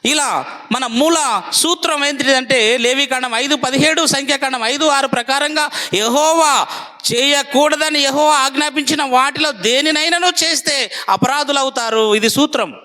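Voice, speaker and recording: A man's voice: extremely high pitch, normal speed, pushed and bright. A man preaching a sermon, with emphatic, repetitive lists.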